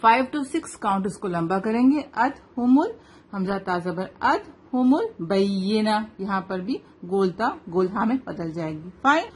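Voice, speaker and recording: A woman, teaching tajweed to children, explaining rules quickly and then reciting slowly word by word. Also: medium pitch, animated.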